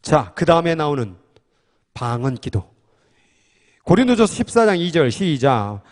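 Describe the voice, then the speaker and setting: A male pastor with a high, ringing voice preaches fervently. His emphatic words spill out in passionate bursts, and a long reverb trails every phrase. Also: sing-song, a little slow. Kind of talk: sermon.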